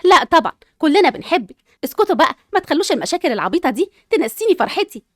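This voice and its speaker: A cheerful, doting mother with an Egyptian accent and a high, sing-song voice that bounces all over, voiced by a woman. She rattles her lines off quickly in a dry, close recording. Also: very animated, a bit bright, dry recording.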